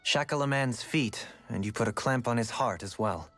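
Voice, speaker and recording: A refined former lord in a game, gentle and a little eccentric, as a man voices him. He talks in formal, courtly phrases. His voice sits at an ordinary middle pitch. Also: normal speed, faint music behind, natural voice. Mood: reflective. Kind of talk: game character dialogue.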